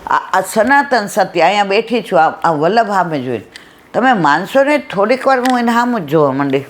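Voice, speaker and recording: A woman's voice: mid-range voice, animated, moderate pace. A woman giving a devotional satsang talk, telling anecdotes with acted-out dialogue and rhetorical questions. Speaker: satsang speaker.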